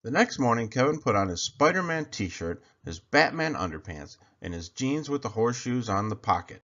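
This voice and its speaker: With an expressive storytelling style, a man reads a children's picture book aloud. His voice is medium-pitched and moves at a moderate pace, and the sound is lo-fi.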